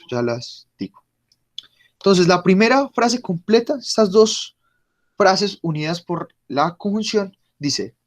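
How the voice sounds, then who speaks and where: A man teaching an online language class, patiently repeating example sentences slowly. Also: high-pitched. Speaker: German teacher.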